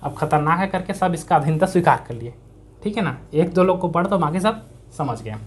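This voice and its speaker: A man's voice: a little high, expressive, a little fast. Man teaching history in chatty Hindi. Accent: Chhattisgarhi-tinged Hindi. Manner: conversational, asks and answers own questions; repeats key words for emphasis. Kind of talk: exam-prep history lesson.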